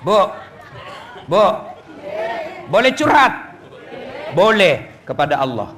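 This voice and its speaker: Male preacher, middle-aged, high-pitched, comic sermon with acted-out asides and loud punchlines. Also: sing-song, slow, a faint crowd, a little hiss or hum. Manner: playful, mimics wives and husbands, swings between loud punchlines and low asides. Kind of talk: humorous sermon to women's study group.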